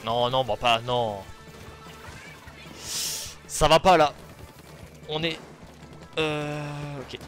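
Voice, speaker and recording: A man giving live commentary on his own online match, excitable, shouting at plays and then talking himself down, on a desk or headset mic. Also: on the high side, very slow, long pauses, soft background music. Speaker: gaming video host.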